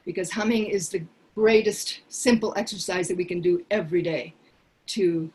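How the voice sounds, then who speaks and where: An older woman from Peru, a singer, talking earnestly and reflectively from her living room on a video call, pausing often. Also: lowish voice, darkish tone, low-quality recording. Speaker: singer sharing a song. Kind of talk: casual video call chat. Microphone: headset mic on video call.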